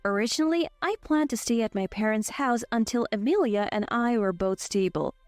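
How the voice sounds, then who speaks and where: A woman in her twenties narrates a first-person story in a scripted, even and steady manner, speaking fairly quickly. Her fairly high voice sits close to the mic, with a dry recording and soft music in the background.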